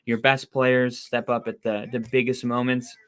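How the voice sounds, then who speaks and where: A young man talks through a football game for his podcast audience in a bright, forceful voice. He is casual and chatty and gets excited and incredulous at the plays. His voice is a little worn from talking so long. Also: mid-range voice, moderate pace, clear, resonant tone. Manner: chatty, excitable, rising to loud disbelief at plays. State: losing his voice. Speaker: podcast host doing live game watch-along commentary. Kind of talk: casual play-by-play chat.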